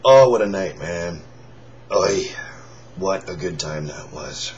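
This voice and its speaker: A tired man who has lost his voice, forcing out a raspy, whispery croak in halting, rambling casual chat to his viewers. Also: low-pitched, animated. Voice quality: raspy, breathy whisper-like hoarseness. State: lost voice, forcing air through a strained throat. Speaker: singer in a band, vlogger. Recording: dull lo-fi sound with faint noise.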